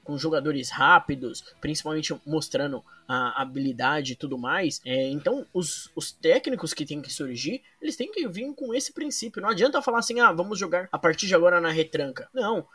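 High-pitched, husky Brazilian man chatting. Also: lively intonation, fairly quick, hardly any pauses, a bit bright, dry recording, distant mic. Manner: slangy, informal. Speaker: football podcast host. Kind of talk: casual sports chat.

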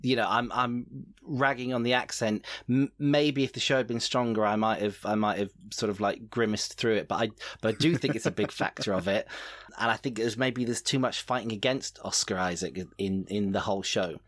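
Man, podcast panelist, halting, casual, dry recording. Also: on the low side, steady tone, fairly bright tone, no echo. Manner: halting, many restarts. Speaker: podcast co-host.

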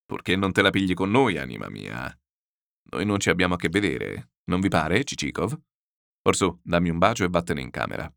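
A booming, good-humoured old general from a classic novel, hearty and loud, who breaks into laughter between his lines, as a male reader plays him. The voice sits low but swings freely, and the recording is dry. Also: sing-song, a little fast, vocal fry, no room sound, full character voice. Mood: jovial, laughing. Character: jovial, boisterous old general, laughing loudly.

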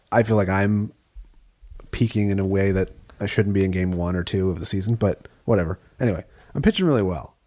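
A man's voice: on the low side, a little mellow. A middle-aged man and father telling a laid-back story in a casual chat with friends.

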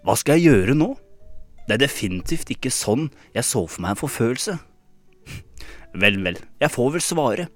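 A man co-hosting a radio comedy show, reading a saucy short story aloud in a dry, deadpan way. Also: medium pitch, long pauses, faint music behind. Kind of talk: comic dramatic reading.

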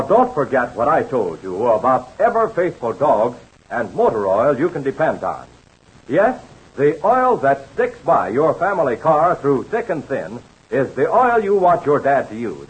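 A man's voice: on the high side, breathy edge, poor audio. Old radio announcer, American man, swooping delivery. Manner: emphatic, addresses young listeners directly. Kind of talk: old-time radio announcer, scripted narration and ad pitch.

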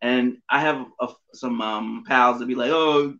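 The mid-range voice of this middle-aged man is steady and sharp, and he takes an unhurried pace. Captured on dull lo-fi audio, he's a podcast guest in a casual interview chat who rambles, often using fillers and correcting or restarting himself.

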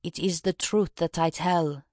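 A reader playing a proud, grave Russian woman revolutionary who makes a dignified confession in an audiobook. The recording is dry and close, with a middle pitch. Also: steady tone, unhurried, a little mellow, no room sound, natural voice. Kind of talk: audiobook reading.

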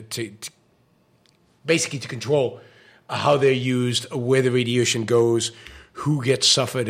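A man with a medium-pitched, fairly bright voice hosts a live-stream show, offering opinionated commentary. His speech is full of fillers and restarts, and his voice is starting to give out.

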